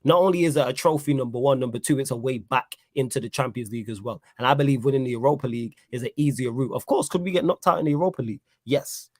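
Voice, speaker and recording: A man rattles through his football takes at a fast clip, pressing every point home. His voice sits in the middle range and is recorded close and dry, with no room around it. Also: medium pitch, no room sound. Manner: emphatic, repeats "you know what I'm saying". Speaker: football pundit. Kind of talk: casual football reaction chat.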